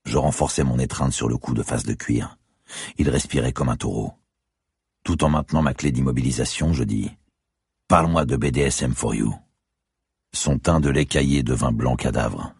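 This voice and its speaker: A man reading a first-person thriller audiobook in a grim, measured way. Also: very deep voice, darkish tone, slightly rough, dry recording, clean studio sound. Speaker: audiobook narrator. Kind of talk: scripted thriller narration.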